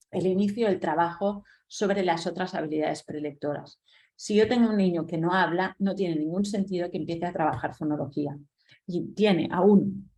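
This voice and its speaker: A woman presenting an educational webinar, explaining step by step, often checking in with a quick question and sounding out single letters slowly. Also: lowish voice, darkish tone. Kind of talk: lecture webinar.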